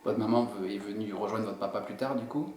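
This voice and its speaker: A man interviewing an elderly woman, asking gentle, hesitant questions. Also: lowish voice, fairly quick, roomy sound, slight background noise.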